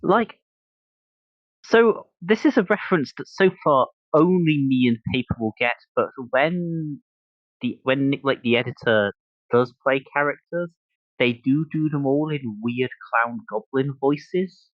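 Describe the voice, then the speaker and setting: A man hosting a podcast in casual chat, thinking aloud in a halting way. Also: mid-range voice, expressive, no echo, lo-fi sound. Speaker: podcast host.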